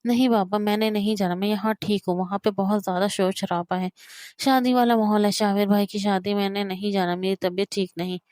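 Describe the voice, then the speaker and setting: Woman reading young man, feverish, tearful, reluctant, smooth voice, dry close sound. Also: mid-range voice, fairly even intonation, a little fast, darkish tone, no echo, close to an everyday voice. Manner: weak, reluctant.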